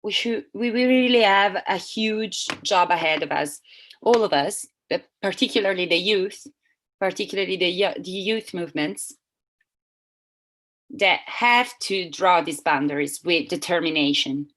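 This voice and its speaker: A woman interpreting a seminar talk live, speaking haltingly with frequent restarts and self-corrections. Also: fairly low pitch, fairly bright tone, rough recording. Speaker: simultaneous interpreter.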